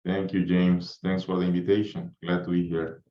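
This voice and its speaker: A man speaks in a low, even voice that barely rises or falls. He is a guest recounting his life slowly and haltingly, with frequent fillers. The remote audio sounds roomy and muffled. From Peru. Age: 50s. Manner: unhurried, halting, frequent ums and uhs. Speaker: podcast guest. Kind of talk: reflective personal account.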